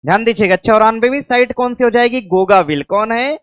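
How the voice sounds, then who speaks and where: A woman's voice: on the high side, dry recording. Woman teacher drilling exam facts. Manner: asks questions and answers them herself, repeating key facts; slow dictation of notes to write down. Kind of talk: exam-prep classroom lecture.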